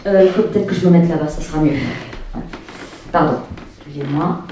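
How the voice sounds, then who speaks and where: A woman author giving a public reading of her work, with measured delivery and playful asides. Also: sits low, noisy background. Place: conference hall. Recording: echoey hall, distant mic.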